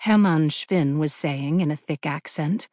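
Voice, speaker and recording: A woman narrating an audiobook in a measured, even reading. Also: deep voice, no room sound, clean studio sound. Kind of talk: scripted narration.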